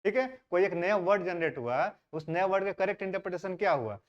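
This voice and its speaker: A man's voice: sits high, expressive, fast. A male teacher gives an exam-prep history lecture. He asks the class questions and answers them himself, and he mixes English words into his talk. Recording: dull lo-fi sound.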